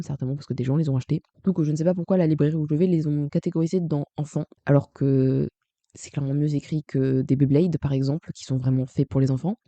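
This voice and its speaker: A young man with vocal fry and a morning voice, chatting casually to camera as a vlogger in a rambling, self-correcting way. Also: fairly high pitch, warm tone, no echo. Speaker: manga vlogger.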